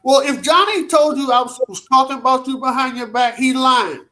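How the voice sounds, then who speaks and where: A man from Washington DC co-hosts the chat with a high voice, teasing the guest in a playful way. His tone is bright and sharp. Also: normal speed. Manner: joking, playful banter. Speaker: co-host.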